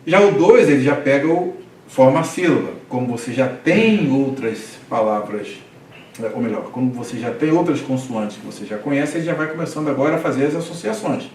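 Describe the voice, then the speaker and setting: A man's voice: mid-range voice, animated, a little fast, darkish tone, slight background noise. A man teaching a reading class, patiently spelling out syllables and asking students to repeat after him. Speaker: Hebrew teacher. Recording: roomy echo, distant mic, faint ambience.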